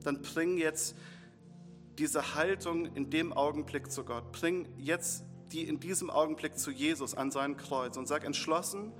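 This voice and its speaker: A man's voice: on the high side, measured pace. A man preaching a sermon with earnest, repetitive phrasing, leading his congregation into prayer. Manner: earnest, builds in repeated short phrases. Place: church hall. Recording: long reverb in a hall, faint music.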